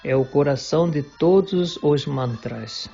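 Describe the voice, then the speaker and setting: A man giving a measured, deliberate reading of a devotional religious text. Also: on the high side, vocal fry, dark tone. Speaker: reader of a devotional book. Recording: dull lo-fi recording with faint background music.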